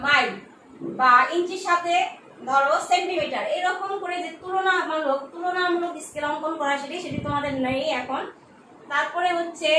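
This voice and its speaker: Middle-aged woman lecturer, high bright voice, motherly and chatty with her students, recorded from a distance in an echoey room. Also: a little hiss or hum. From Bangladesh. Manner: frequent filler sounds. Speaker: geography lecturer. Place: room at home.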